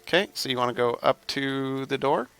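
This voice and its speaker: Gravelly, bright-toned male game master. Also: medium pitch. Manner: descriptive, unhurried scene-setting narration. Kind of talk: narrating a tabletop game.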